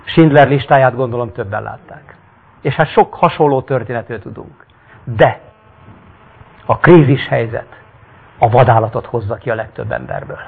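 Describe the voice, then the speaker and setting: Egy férfi komolyan, nyomatékosan mesél és olvas fel, átlagos hangmagasságon. A felvétel vékony, telefonszerű hangzású. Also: male voice, mid-range voice, vocal fry, pauses often, breathy edge. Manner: earnest, emphatic storytelling. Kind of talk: spoken talk and dramatic reading. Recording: tinny phone-like sound.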